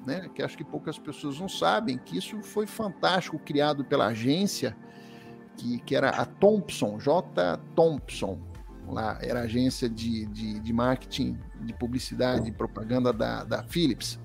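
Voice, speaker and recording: Gravelly Brazilian man telling a story. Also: medium pitch, moderate pace, soft background music. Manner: lively storyteller, acts out quoted dialogue. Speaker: interview guest. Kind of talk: storytelling anecdote.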